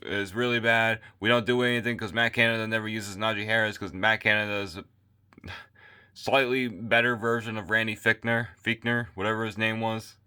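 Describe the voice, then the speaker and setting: A man's voice: medium pitch, bright, forceful tone. A man vlogging his sports opinions late at night, tired and losing his voice, rambling and repeating himself into a phone mic. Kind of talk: casual opinion rant.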